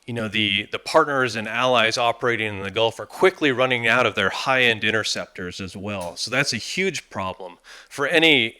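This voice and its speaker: An American man in his fifties giving a formal conference presentation, halting, with frequent pauses and repeated words. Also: mid-range voice, pushed and bright. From United States. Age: 50s. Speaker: conference speaker, defense industry executive.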